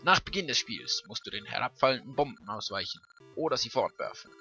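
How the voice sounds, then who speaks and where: A man's voice: medium pitch, a little fast, gravelly, faint music behind. A man with a Swiss German accent reading aloud the lines of a cheerful male rock-creature shopkeeper in a video game. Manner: reads game text aloud in a lively voice.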